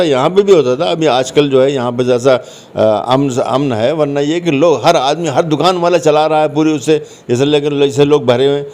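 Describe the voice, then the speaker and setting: On the high side with a darkish tone, this commentator's voice carries his conversational interview answers. As a guest he explains his points and repeats phrases to stress them.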